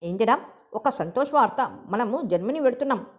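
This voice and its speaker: A woman's voice: a little high, animated, normal speed, dull audio, close to an everyday voice. A woman reading the part of a wealthy, indulgent middle-aged father who explains things at length. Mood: explaining.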